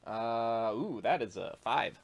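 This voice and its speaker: A man's voice: mid-range voice, animated, takes it slowly, gravelly, slight background noise. A man narrating as game master of a tabletop game, rambling with fillers and frequent chuckles.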